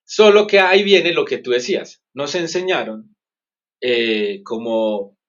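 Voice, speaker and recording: A man's voice: medium pitch, lively intonation, unhurried. Guy psychologist talking it through, keeps checking you get it, kinda muffled sound. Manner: repeats "¿sí me entiendes?" often; earnest, explanatory, self-correcting. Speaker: psychologist guest. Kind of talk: conversational interview.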